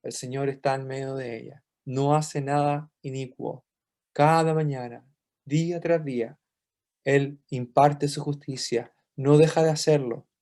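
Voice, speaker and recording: A man's voice: medium pitch, fairly even intonation, unhurried, darkish tone. Man teaching a Bible study. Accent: Chilean Spanish. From Chile. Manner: explanatory, repeats phrases for emphasis.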